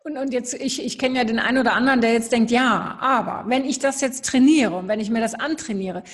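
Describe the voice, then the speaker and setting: Woman, podcast host, fairly high voice, chatty, hesitant restarts. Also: fairly quick. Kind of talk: podcast interview.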